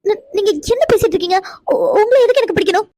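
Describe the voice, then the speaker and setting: Woman voicing a timid young village girl in a cartoon, very high voice, fast, stammering, pleading, dry sound. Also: animated, dark tone, dry recording. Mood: frightened. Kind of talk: cartoon voice acting.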